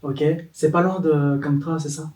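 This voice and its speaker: A man's voice: fairly high pitch, fairly even intonation, darkish tone, distant mic. Man hosting an interview in an echoey room. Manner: friendly, halting, with fillers. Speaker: interviewer, channel host. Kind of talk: casual interview.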